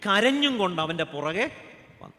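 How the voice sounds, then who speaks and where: A man's voice: high voice, sing-song, normal speed, pushed and bright, long reverb tail. A man, a pastor with a Keralan accent, giving a humorous sermon, joking and asking the audience questions. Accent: Keralan Malayalam.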